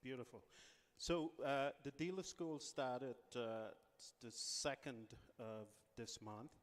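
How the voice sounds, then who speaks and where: A man from the Bahamas talks through interview questions at an unhurried pace, filling gaps with frequent pauses. His voice sits in a middle range and carries a long, hall-like reverb. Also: mid-range voice. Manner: relaxed, many "uh" pauses. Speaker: casino executive guest. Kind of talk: interview answers.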